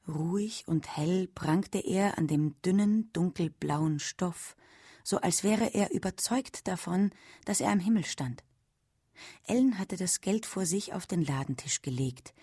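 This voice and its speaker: A woman reading a literary story aloud, softly and at times almost whispering. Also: lowish voice, breathy edge, no room sound, studio quality. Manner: slow, soft, sometimes near a whisper. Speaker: reader.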